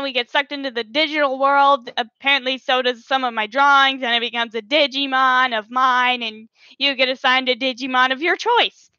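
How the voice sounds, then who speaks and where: A woman's voice: high-pitched, pushed and bright, no room sound. A giggly, playful young woman chatting casually on a phone call and planning a role-play story. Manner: giggly, playful, fond of silly sound effects.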